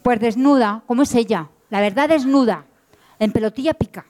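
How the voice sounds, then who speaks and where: A woman's voice: fairly high pitch, moderate pace, darkish tone. A woman storyteller, telling a tale live, playful and full of sound effects and asides. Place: event hall.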